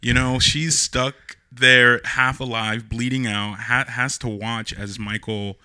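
Man, podcast co-host, slow unhurried delivery, bright forward tone, halting with lots of fillers, dry close recording. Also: medium pitch, steady tone, no echo. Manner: halting, many fillers and restarts. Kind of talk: casual film discussion.

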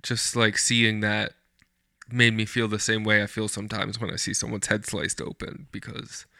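A man co-hosting a casual film discussion podcast, talking in a relaxed, thoughtful and analytical way. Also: lowish voice, normal speed, creaky, no echo, clean studio sound. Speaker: podcast co-host.

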